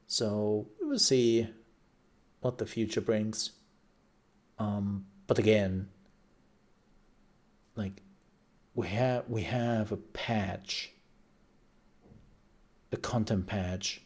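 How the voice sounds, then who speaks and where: A man's voice: on the low side, fairly even intonation, takes it slowly, pauses often, darkish tone. A man streaming live and chatting casually as he reacts, rambling and thinking aloud with repeated phrases, his voice worn out from a long day of talking.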